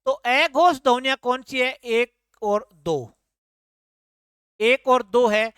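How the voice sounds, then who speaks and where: A woman's voice: a little high, takes it slowly, fairly bright tone, clear, resonant tone, no room sound, clean studio sound. A woman exam tutor working through answer-key questions, explaining each one and repeating answers back as questions.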